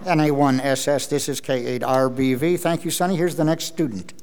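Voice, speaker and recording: A man's voice: medium pitch, steady tone, a little fast. A man working as a radio operator, hosting a school question session with formal radio call procedure. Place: school hall. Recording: echoey hall with loud radio noise.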